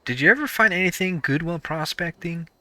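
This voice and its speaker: A man playing a young wanderer in a video game who keeps asking questions. His voice is fairly high and very bright, with lively pitch, recorded close and dry. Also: brisk, dry recording. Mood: curious. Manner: plain questioning tone. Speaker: player character.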